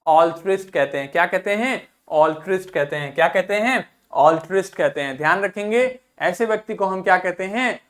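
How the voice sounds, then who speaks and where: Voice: mid-range voice, expressive, brisk, hardly any pauses. A teacher giving a recorded vocabulary lesson who asks the students questions and answers them, repeats each word, and spells words out letter by letter. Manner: explains in Hindi, mixing in English words and read-out English phrases.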